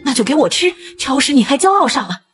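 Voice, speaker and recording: A woman voicing a shrill, spiteful old grandma. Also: sing-song, fast talker. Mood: scolding. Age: 60s. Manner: shrill and scolding. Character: mean, spiteful old grandmother who favors boys.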